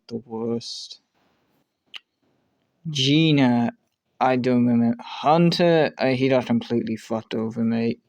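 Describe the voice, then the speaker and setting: Casual male vlogger who thinks aloud, swears offhandedly and restarts a lot. Mid-pitched, smooth tone, dry close sound. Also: darkish tone, no echo, muffled recording. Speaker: video creator ranking show contestants. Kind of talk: casual commentary while making a tier list.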